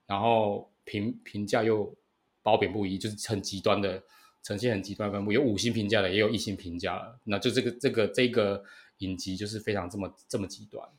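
A man in his thirties with a Taiwanese Mandarin accent, co-hosting a casual podcast in an animated, repetitive way that keeps seeking agreement. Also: lowish voice, a little fast. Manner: animated, repeats phrases, seeks agreement. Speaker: podcast co-host. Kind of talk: casual bantering podcast chat.

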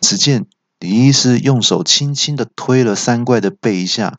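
A man, a podcast host telling a comic tale in lively martial-arts style. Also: medium pitch, normal speed, dry recording. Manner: lively, wuxia-style action narration. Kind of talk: comic storytelling.

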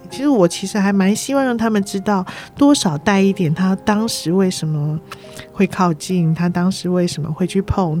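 On a podcast interview, a middle-aged nursing director with a Taiwanese Mandarin accent appears as a guest, telling lively stories, acting out the dialogue, and laughing often. Her voice sits at a medium pitch.

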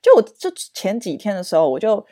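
A woman from Taiwan co-hosting a podcast, telling stories in a casual, animated way. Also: medium pitch, brisk, dry recording, clean studio sound. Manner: animated, acts out quoted voices. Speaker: podcast co-host. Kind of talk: casual chat, storytelling.

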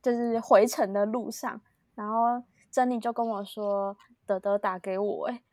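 A woman chatting casually on a podcast, lively and talkative. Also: mid-range voice, measured pace, dry recording, studio quality. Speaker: podcast co-host. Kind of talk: casual chat.

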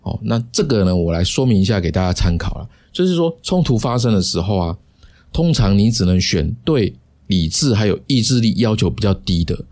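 A man hosting a casual solo podcast, chatty and sprinkled with drawn-out particles. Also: fairly low pitch, very animated, a little mellow. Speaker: podcast host.

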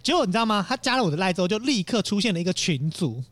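A man's voice: high-pitched, expressive, racing, a bit bright, no room sound. A man, telling a story in casual chat and acting out the voices he quotes.

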